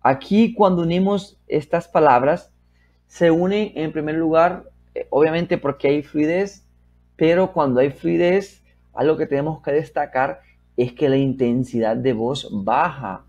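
Husky man teaching step by step. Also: on the high side, highs cut off. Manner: drills phrases slowly, then explains in Spanish with frequent "¿verdad?" checks; models English sentences slowly and loudly, then softly. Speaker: English teacher. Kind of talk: step-by-step English lesson.

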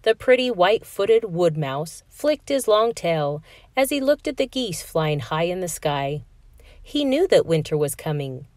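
Expressive woman reading a children's book. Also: sits low, dry recording. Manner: expressive, sing-song storytelling. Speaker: storyteller. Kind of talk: children's read-aloud.

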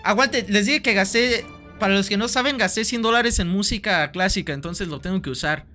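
A man's voice: sits high, a little fast, pushed and bright. A young man with a Mexican Spanish accent, streaming a game live in a playful, rambling way, swearing casually and repeating his lines. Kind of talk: joking gameplay live stream. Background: faint background music.

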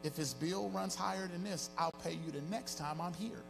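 On a large church stage with band equipment and an audience, a pastor in his forties delivers a sermon through a handheld mic. His voice is high-pitched and gravelly, at a normal speed, rising in a half-sung preaching cadence. There's music in the background.

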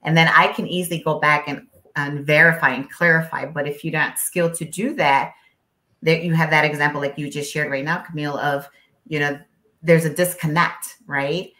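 On a video call from an echoey home office, a female interpreter whose first language is Spanish explains emphatically as a guest, leaning on rhetorical questions. She has a deep, sharp-toned voice, fairly even intonation and a moderate pace.

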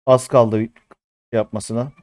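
Excitable man streaming a mobile game. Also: medium pitch, takes it slowly, no room sound, studio quality. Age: 30s. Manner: excitable, chatty with viewers, swears often. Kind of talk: live-stream game commentary.

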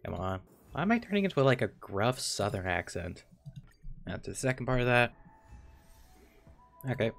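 A man streaming a game, muttering quietly to himself as he plays and thinking aloud. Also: medium pitch, very animated, moderate pace, creaky, pauses often. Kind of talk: casual gameplay commentary.

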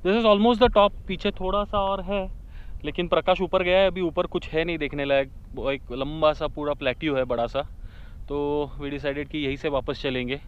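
A man's voice: fairly high pitch, normal speed, smooth, dull audio. A man in his thirties talking casually as a travel vlogger, holding the camera at arm's length outdoors on a hilltop. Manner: chatty, excited while describing views. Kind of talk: casual vlog talk mixing Hindi and English. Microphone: camera held at arm's length.

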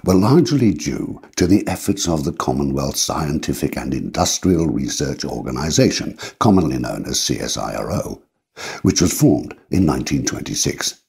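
Very deep, husky male narrator. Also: a little mellow. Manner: measured, formal delivery. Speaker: documentary narrator. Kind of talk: scripted historical narration.

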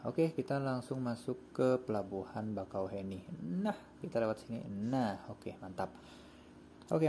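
A young man gives loose, slangy commentary as he drives in a game. His voice sits low and mellow, and faint game noise hums behind him. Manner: relaxed slangy chatter while playing. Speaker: gaming channel host.

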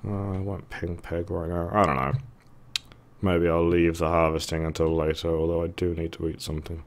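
A man's voice: low-pitched, level tone, normal speed, slight background noise. A man with a thick, sore-throated voice giving casual, hesitant let's play commentary, musing to himself as he goes. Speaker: gaming video host.

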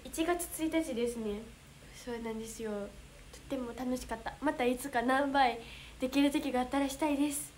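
Bubbly high-voiced young woman with Kansai accent. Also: a little fast, a little hiss or hum. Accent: Kansai Japanese. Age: young adult. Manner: bubbly, giggly, flustered exclamations. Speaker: idol livestreamer reading fan comments. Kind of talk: casual livestream chat.

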